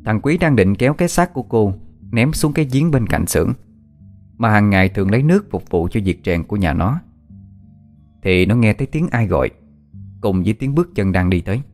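Male horror-story narrator, slow and measured delivery, low voice, faint music under him. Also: expressive, darkish tone.

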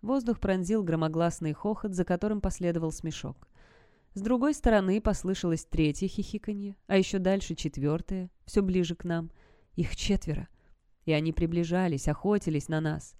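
A woman's voice: fairly low pitch, normal speed, dark tone, clean tone, dry recording, studio quality. A woman narrating a first-person audiobook in a tense, suspenseful storytelling manner.

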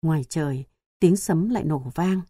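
Mellow low-voiced woman narrating a story. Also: moderate pace, husky, no room sound, clean studio sound. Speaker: audiobook narrator. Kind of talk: scripted audiobook narration.

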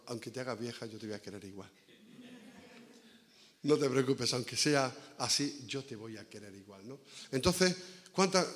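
A guest preacher's medium-pitched, fairly bright voice carries a conversational evangelical sermon, echoing in the reverb of a church hall. He drives points home by repeating phrases and asking rhetorical questions.

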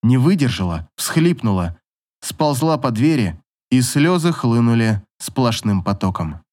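Male audiobook narrator, mid pitch, steady and expressive delivery. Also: measured pace. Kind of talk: scripted narration.

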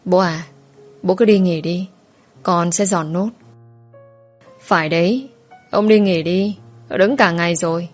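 Woman, lowish voice, emotional storyteller, reads all the dialogue. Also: unhurried, long pauses, faint music behind. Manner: emotional, shifts between narration and dialogue. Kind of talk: first-person story narration voicing all characters.

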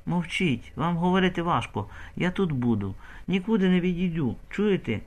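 A young village woman begs her dying beloved in a feverish, tearful rush, voiced by a man reading an audiobook. Her voice rides high and swoops widely as she pleads. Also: lively intonation, normal speed. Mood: pleading. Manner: feverish, pleading whisper-sobbing.

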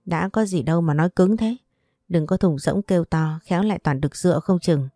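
A woman's voice: fairly low pitch, a little fast, dark tone, dry recording, studio quality, faint music behind, lightly acted. A woman voicing a protective young man who talks in a blunt, teasing way in a storybook. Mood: sharp teasing.

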